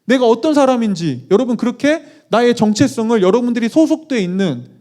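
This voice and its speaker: A male pastor preaching a conversational sermon, animated, putting questions to the congregation with self-deprecating asides. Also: very high voice, fairly quick.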